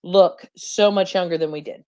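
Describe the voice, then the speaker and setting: A woman's voice: on the low side, steady tone, moderate pace, darkish tone. A woman in her forties co-hosting a live stream, chatting jokingly and reading out viewer comments. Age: 40s. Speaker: co-host of live show. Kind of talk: casual live stream chat.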